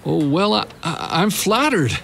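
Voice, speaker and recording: A man's voice: sits high, sing-song, a little slow, gravelly, fairly bright tone, faint music behind, heavily acted. An actor playing a vain but kindhearted ancient king, regal and hesitant, in a theatrical Bible drama. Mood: flattered, pleased.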